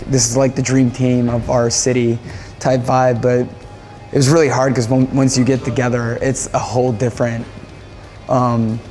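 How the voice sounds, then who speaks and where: A man's voice: medium pitch, darkish tone. A man from Japan, a band musician, talking casually in an interview in a rambling way, often repeating phrases and restarting.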